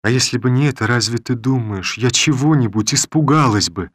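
A man reading the part of a tender young village woman, speaking softly and earnestly, resigned to her fate. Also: mid-range voice, fairly quick, slightly rough, no echo, studio quality. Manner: soft, quiet and earnest.

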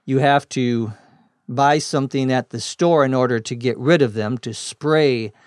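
A man's voice: medium pitch, measured pace, no room sound, clean studio sound. A man teaching English vocabulary, explaining words plainly and spelling them out letter by letter. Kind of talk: slow scripted vocabulary lesson.

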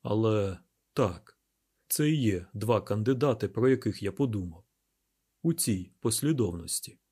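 A man reading an audiobook plays a calm, calculating male mayor laying out a plan in a measured, deliberate way. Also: fairly low pitch, slightly rough.

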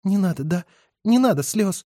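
A man voicing a young female army medic who speaks softly, at times in a whisper, tender and anxious. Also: high voice, animated, moderate pace, no echo, clean studio sound, voice pushed up. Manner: soft, whispering.

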